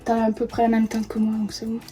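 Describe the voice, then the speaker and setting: A woman's voice: on the high side, completely flat delivery, fast talker, warm tone, faint music behind. A young woman in her twenties chatting casually through a makeup tutorial as she does a friend's face, saying "hop" as she applies each product. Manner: chatty, says "hop" while applying makeup. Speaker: beauty vlogger. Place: indoors doing makeup on a friend.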